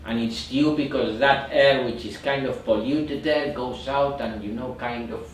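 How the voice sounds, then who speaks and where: Slow-speaking male meditation teacher in an echoey room. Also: medium pitch, a little hiss or hum. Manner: slow, repetitive, searching for words. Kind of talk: guided meditation instruction. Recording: echoey room, mic far off.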